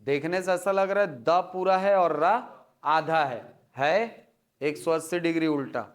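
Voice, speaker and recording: A man teaching Hindi spelling to a classroom, breaking words into letters slowly and often asking if students follow. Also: fairly high pitch. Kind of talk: classroom lecture.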